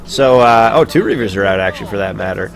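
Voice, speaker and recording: A man giving casual solo play-by-play commentary on a live game stream, chatty and laid-back between plays, rising to excited shouts on big moments, with hiccups now and then. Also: on the low side, quick pace. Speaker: esports caster.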